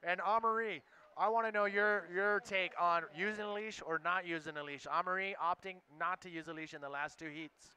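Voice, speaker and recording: Laid-back surfer announcer, a bright high-voiced man. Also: fairly even intonation, fairly quick. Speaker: sports event announcer and commentator. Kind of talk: live bodyboarding contest commentary.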